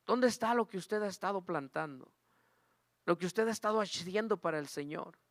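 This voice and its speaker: A man's voice: high-pitched, animated, moderate pace, a bit bright, no echo, clean studio sound. A man preaching a sermon, telling a personal testimony in an earnest storytelling manner and calling on the congregation as brothers and sisters.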